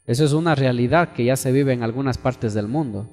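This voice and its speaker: A man's voice: medium pitch, fairly quick, darkish tone, long reverb tail, faint music behind. A man preaching a sermon as pastor, emphatic, repeating phrases and putting questions to his congregation. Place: church hall.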